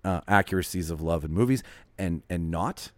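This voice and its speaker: A man hosting a casual podcast chat, a little hungover, talking in a halting, rambling, jokey way. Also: deep voice, no room sound. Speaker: podcast host.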